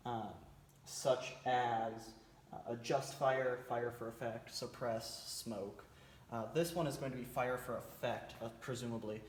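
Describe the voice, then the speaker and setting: A man with a mid-range voice explains a military drill informally. He is plain-spoken and slightly hesitant, going step by step. The sound is roomy, with light noise behind him. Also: medium pitch. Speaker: military cadet team instructor. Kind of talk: informal instructional briefing. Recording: roomy echo, faint background noise.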